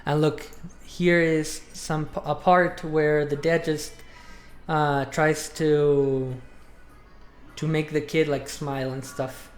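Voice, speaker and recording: A man's voice: fairly high pitch, level tone, takes it slowly. A man chatting casually on a live stream, rambling with many fillers. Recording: roomy with faint music.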